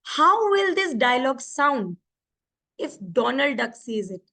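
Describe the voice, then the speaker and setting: A woman, a life coach, calmly leading a guided visualization exercise in drawn-out instructions that mix Hindi and English. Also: high-pitched.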